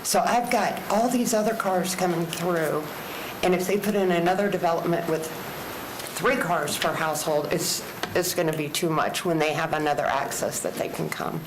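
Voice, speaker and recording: A woman's voice: on the low side, moderate pace. An older woman gives earnest, plain-spoken, personal comments as a resident at a public meeting. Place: indoor public meeting chamber. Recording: echoey meeting room with clear background noise.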